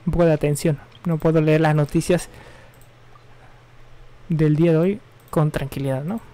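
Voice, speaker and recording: Young man, slightly high voice, offhand slangy rambling, live game stream chat. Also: little pitch movement, normal speed, mellow. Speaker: gaming streamer. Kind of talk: casual live-stream chat while gaming.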